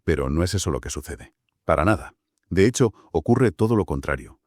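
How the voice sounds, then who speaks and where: A man from Spain co-hosting a Bible study podcast, explaining in a measured way. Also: deep voice, lively intonation, no room sound, studio quality. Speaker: podcast co-host.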